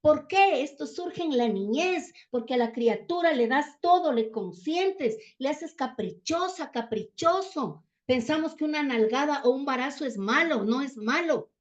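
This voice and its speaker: With a high, animated voice, this Ecuadorian woman teaches the Bible at church, speaking unhurriedly and hardly pausing. She keeps checking in with listeners through rhetorical questions. The sound quality is dull and lo-fi.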